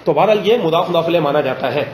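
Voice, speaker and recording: A man teaching a grammar lesson in a classroom, pausing often to ask students questions and slowing down on examples. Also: fairly high pitch, expressive, slight background noise. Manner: drills students with frequent check questions; slows down to spell out example phrases. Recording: roomy classroom echo.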